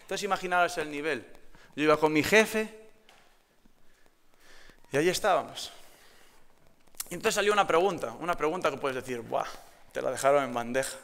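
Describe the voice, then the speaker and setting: Gravelly young Galician preacher in a reverberant hall. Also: male voice, on the high side, moderate pace, long pauses, a bit bright. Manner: tells personal anecdotes, then presses with rhetorical questions. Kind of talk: sermon. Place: church hall.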